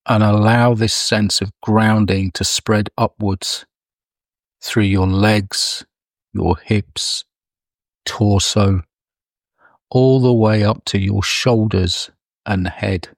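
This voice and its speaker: Slow, low-voiced man guiding meditation. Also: steady tone, no echo. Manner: slow, soft, soothing delivery with long pauses. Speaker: meditation guide. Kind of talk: guided meditation.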